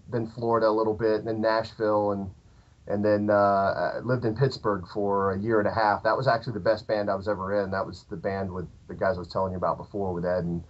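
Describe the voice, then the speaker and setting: A thirtysomething man with a southern Illinois accent rambles as a podcast guest in a casual interview chat, using lots of fillers and restarts. His voice sits on the low side, and the podcast audio is dull and lo-fi.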